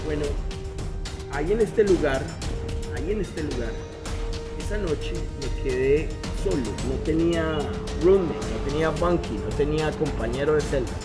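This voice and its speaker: A man with a Colombian accent sharing a personal testimony outdoors, talking earnestly and confessionally to the camera. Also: on the high side. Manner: earnest, confessional, addresses viewers directly. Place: outdoors in the wind. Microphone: camera set up in front of him.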